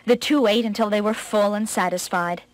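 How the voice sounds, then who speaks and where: Expressive female storyteller for children, dry close sound. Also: medium pitch, moderate pace, dry recording.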